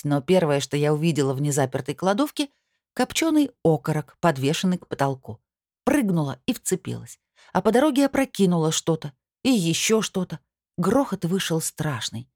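A woman reads a first-person story aloud in a low, deep voice, with lively, wry storytelling. The sound is dry and close, with no room around it. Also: no room sound. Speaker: audiobook narrator. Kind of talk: first-person scripted narration.

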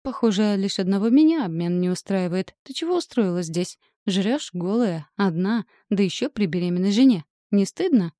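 A rattled, foul-mouthed husband squeals and grumbles in an audiobook, as a woman reader puts him on. He sounds shrill and panicky, a little higher than the reader's own voice. The voice sits close and dry. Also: expressive, moderate pace, hardly any pauses, dark tone, no echo, close to an everyday voice. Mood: grumbling. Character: panicky foul-mouthed husband, a man in his wife's pregnant body.

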